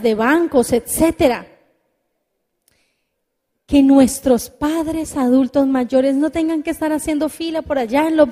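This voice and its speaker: Slow, high-voiced woman preacher. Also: warm tone, in a large hall. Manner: earnest exhorting, direct questions to the audience. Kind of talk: sermon.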